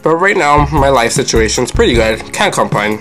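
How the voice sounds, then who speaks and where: A man's voice: mid-range voice, big pitch swings, moderate pace, fairly bright tone. A man in his early twenties chatting casually with his mouth full as he eats, talking loosely with lots of fillers. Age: 20s. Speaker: mukbang vlogger. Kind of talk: casual chat while eating. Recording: music playing in the background.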